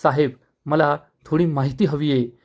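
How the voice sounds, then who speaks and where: Meek police inspector, done by a man, deferential, apologetic, fairly high voice, recap drama. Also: fairly even intonation, moderate pace, darkish tone, natural voice.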